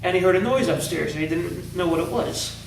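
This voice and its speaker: A man rambles through a movie scene and a couple of jokes, restarting his sentences as he goes. His voice sits a little high. He sounds far from the mic in an echoey room, with a faint hiss underneath. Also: fairly quick, gravelly. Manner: rambling storyteller with restarts, acts out quoted lines. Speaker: co-host. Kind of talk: casual chat, retelling movie scenes and jokes.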